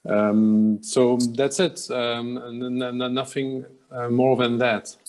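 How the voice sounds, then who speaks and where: A man's voice: mid-range voice, little pitch movement, slow pace, darkish tone. A man whose first language is French, giving short welcome remarks in English on a video call, hesitant and full of fillers. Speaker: film board representative.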